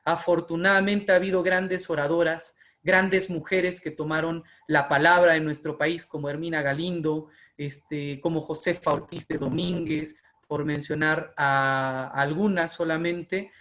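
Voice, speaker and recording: A man's voice: fairly high pitch, steady tone, unhurried, fairly bright tone. A man with a Mexican Spanish accent giving an impassioned online lecture on public speaking, building emphatic repeated phrases over a video call. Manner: impassioned, emphatic, rhetorical repetition. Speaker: oratory workshop speaker.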